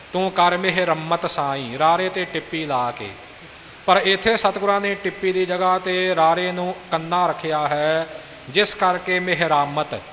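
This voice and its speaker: Slow, patient male recitation teacher. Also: fairly high pitch, bright, forceful tone. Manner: slow, patient, instructive, repeats phrases to model them. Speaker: Gurbani pronunciation teacher. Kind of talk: recitation lesson, explaining correct pronunciation. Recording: hissy recording with long reverb.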